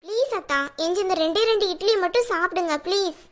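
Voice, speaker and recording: A woman's voice: extremely high pitch, fast talker. A woman voicing a scheming young woman in a cartoon drama, who coaxes and pleads sweetly. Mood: coaxing.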